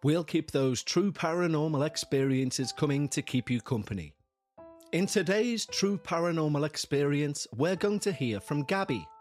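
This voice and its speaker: Ominous male podcast host over music. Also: fairly high pitch. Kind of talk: scripted paranormal podcast narration.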